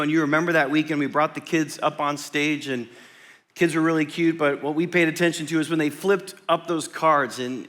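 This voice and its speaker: A man's voice: a little high, fairly bright tone. A man speaking as a pastor in a motivational pep talk to his congregation, emphatic and informal, repeating himself and asking rhetorical questions. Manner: informal, checks in with listeners. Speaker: pastor addressing his church.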